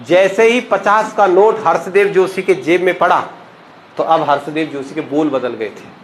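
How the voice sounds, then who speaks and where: A man's voice: a little high, normal speed, a little hiss or hum, poor audio. A man telling a playful, comic local history story, acting out the characters' lines in different voices.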